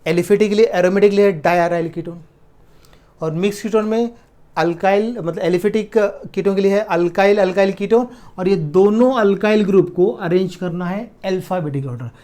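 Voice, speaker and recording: A middle-aged man with an Indian accent teaching chemistry in a classroom lecture, mixing in English terms and slowly repeating key words as he writes them on the board. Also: high-pitched, dark tone. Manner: explains patiently, repeats key terms slowly while writing.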